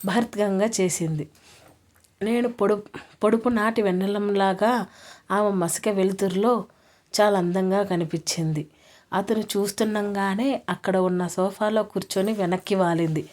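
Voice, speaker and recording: A woman narrating a romance story in a steady, even reading voice. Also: mid-range voice.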